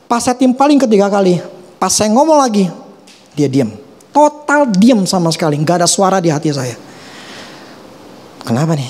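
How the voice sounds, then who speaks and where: A middle-aged male pastor, preaching a sermon in colloquial, animated speech with sudden rises and drops in pitch. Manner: colloquial Jakarta-style slang, animated pitch swings.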